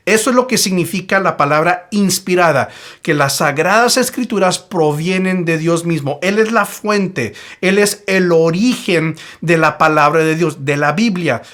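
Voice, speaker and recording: A man's voice: high-pitched, fairly bright tone. A man giving a Bible teaching video, explaining a Greek word step by step and repeating his main points with emphasis.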